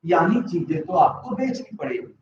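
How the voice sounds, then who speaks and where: A slightly high, sing-song male voice, a little mellow, moves at a moderate pace with slight background noise. He teaches economics live online while his throat is sore, mixing in English terms and asking students yes-or-no questions. It was recorded echoey, distant and a bit dull.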